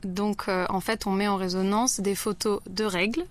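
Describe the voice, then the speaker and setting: A woman's voice: mid-range voice, fairly even intonation, moderate pace. A young woman, a student photographer explaining her work in a radio interview, thoughtful with many fillers. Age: young adult.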